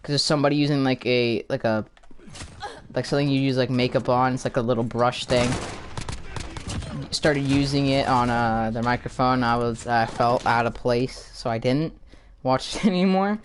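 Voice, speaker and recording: Man, YouTuber, loose sarcastic rant to camera, lots of swearing and restarts, mid-pitched voice, faint noise behind. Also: moderate pace. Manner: rambling, profane, sarcastic; many fillers and restarts. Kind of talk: casual commentary vlog.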